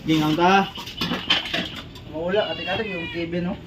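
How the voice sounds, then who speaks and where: A man's voice: a little high, steady tone, normal speed. A man with a Filipino accent chatting casually among friends. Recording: noisy amateur recording with animal sounds.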